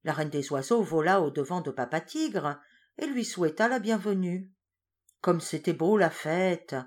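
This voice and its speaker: Woman reading a fairy tale aloud, lowish voice, tone rising and falling a great deal. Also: unhurried. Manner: expressive, lively storytelling. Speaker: audiobook reader. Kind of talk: storybook narration.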